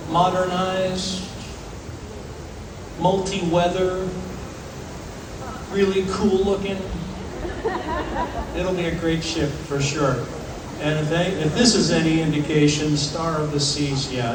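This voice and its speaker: A man speaking as a ship's captain, answering audience questions informally, in a conversational way with deliberate pauses. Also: on the high side. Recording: echoey venue, distant, clearly noisy ambience.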